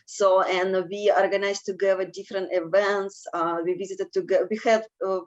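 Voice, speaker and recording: This is a Russian woman interviewed as an alum in a panel discussion over video call, her tone level and her pitch medium. Halting non-native phrasing and lots of fillers make her speech hesitant, and the sound is dull.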